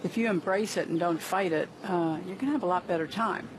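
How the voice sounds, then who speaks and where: A woman's voice: lowish voice, a little fast. Female golf analyst over ambient noise. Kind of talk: conversational live commentary. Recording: clear outdoor ambient noise.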